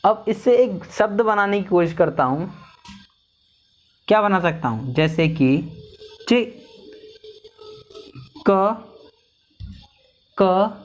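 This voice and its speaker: A man teaching a lesson on vowel signs, slowly repeating and sounding out each syllable. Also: sits high, animated. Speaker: Hindi teacher.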